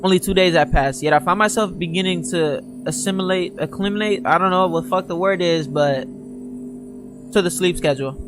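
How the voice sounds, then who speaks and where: A woman's voice: lowish voice, fairly quick. A woman narrating a visual novel aloud in a subdued way, stumbling over words and dropping casual asides, with music behind her. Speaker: reader of a visual novel playthrough.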